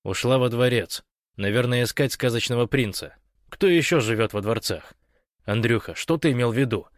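A man doing a wry, gentle young man. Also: medium pitch, normal speed, no room sound, studio quality, natural voice. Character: young man, wry, tender with his wife.

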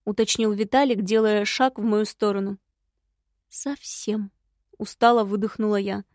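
A woman narrating a story in first person, reading in a lively, expressive way. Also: medium pitch, dry recording, studio quality. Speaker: audiobook narrator.

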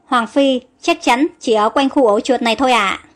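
A woman's voice: fairly high pitch, moderate pace, faint music behind, lightly acted. A woman voicing a respectful young male servant in a storybook. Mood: dutiful.

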